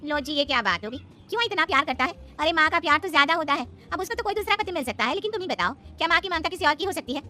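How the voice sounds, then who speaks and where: A woman's voice: high-pitched, lively intonation, rapid-fire, few pauses, pushed and bright. A woman voicing a scheming, gossiping middle-aged female friend in a cartoon story, sly and meddling.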